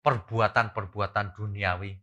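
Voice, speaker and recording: A man preaching a church sermon, animated and rising loud for emphasis as he asks the congregation questions. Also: on the low side, unhurried. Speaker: pastor.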